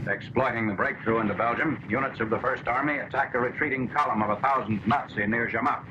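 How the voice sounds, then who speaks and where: A man narrating an old wartime newsreel in crisp, clipped announcing phrases. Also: medium pitch, quick pace. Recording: dull lo-fi 1940s newsreel soundtrack with faint hiss.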